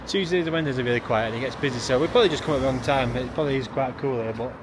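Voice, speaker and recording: A young man talks his way around a quiet desert town, rambling and restarting as he chats to his phone camera. His voice sits at an ordinary middle pitch. Traffic and street noise come through clearly in the background. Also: very fast. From England. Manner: chatty, rambling, full of restarts and fillers. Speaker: travel vlogger. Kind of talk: casual travel vlog narration. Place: outdoors in a small town and in a car.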